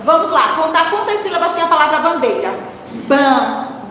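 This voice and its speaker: A woman's voice: extremely high pitch, sing-song, fast, pushed and bright, slight background noise. A woman teacher giving a recorded lesson to young children, spelling out words syllable by syllable and asking them encouraging questions. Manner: encouraging, asks the class questions. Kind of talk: primary-school literacy lesson. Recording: echoey room with long reverb.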